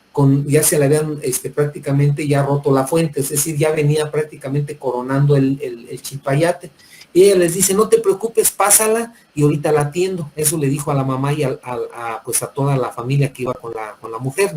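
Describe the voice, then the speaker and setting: A man's voice: fairly high pitch, fairly even intonation, a little fast, warm tone, slight background noise, poor audio. A middle-aged man with a Mexican accent lecturing medical students, talking colloquially, addressing them directly and often repeating words as he restarts his sentences. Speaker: medical school professor. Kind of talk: classroom lecture with anecdotes.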